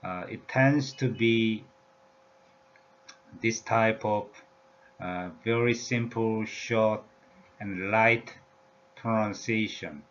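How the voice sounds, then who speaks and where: Slow, halting male teacher. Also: fairly low pitch, fairly even intonation, a bit bright. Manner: halting, many "uh" and "yeah" fillers. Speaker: language teacher. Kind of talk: slow explanatory lecture. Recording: dull lo-fi recording with faint room noise.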